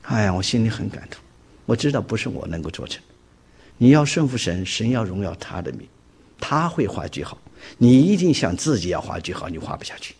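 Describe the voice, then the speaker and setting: Man, husky voice, lively pitch, preacher's testimony, vivid storytelling. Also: a little fast. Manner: vivid storyteller who acts out quoted dialogue. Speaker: preacher giving his testimony. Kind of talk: animated personal testimony.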